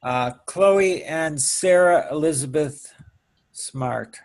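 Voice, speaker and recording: Slow-talking older man. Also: on the high side. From Richmond, Virginia. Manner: slow, hesitant, polite. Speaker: retired student.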